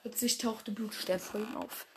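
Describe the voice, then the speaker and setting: A woman's voice: mid-range voice, steady tone, moderate pace, a little mellow, slight background noise. A woman reading her own animal fan story aloud, often stumbling and correcting herself, with casual slangy asides. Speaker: story reader.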